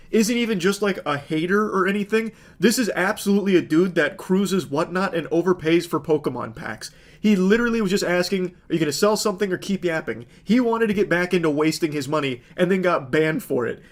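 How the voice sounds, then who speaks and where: A man giving sarcastic, exasperated reaction commentary. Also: high-pitched. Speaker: online commentator.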